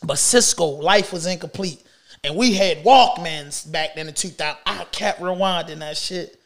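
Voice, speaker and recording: A middle-aged man telling a story from his own past in a casual storytime, slangy and animated, swinging between loud bursts and low mutters. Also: normal speed.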